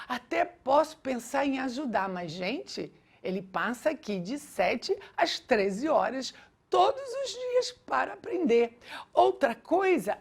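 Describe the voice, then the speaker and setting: A middle-aged Brazilian Portuguese-speaking woman with a high, breathy-edged voice teaches a religious education lesson. She speaks emphatically, weaving in personal anecdotes and acting out reported dialogue.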